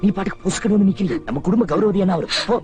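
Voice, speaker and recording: A proud, hot-tempered village landlord barks out orders. The voice sits high and swings widely. Film music plays beneath him. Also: male voice, animated, very fast, mellow, dull audio. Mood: commanding. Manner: gruff, commanding. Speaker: village headman arrested by police. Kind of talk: film comedy acting. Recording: film soundtrack with music behind.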